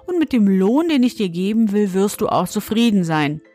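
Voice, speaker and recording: A woman's voice: medium pitch, sing-song, moderate pace, dark tone, soft background music. A woman reading a stern old woman. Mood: firm. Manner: firm, commanding. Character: mysterious old woman, stern yet kindly.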